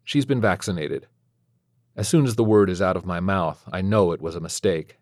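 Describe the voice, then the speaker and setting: A deep-voiced man narrates a first-person story, measured and wry with a quiet tension underneath. The sound is close and dry, with no room around it. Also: no room sound. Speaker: audiobook narrator.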